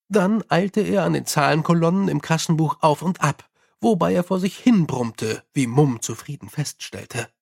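A man reading a novel aloud as an audiobook narrator, with expressive, lively storytelling. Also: on the high side, gravelly. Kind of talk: scripted narration.

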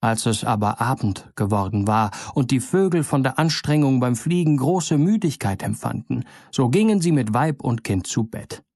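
Male storyteller, mid-pitched, dry close sound, fairy tale reading. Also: no echo. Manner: measured, expressive storybook narration. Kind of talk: fairy tale read aloud.

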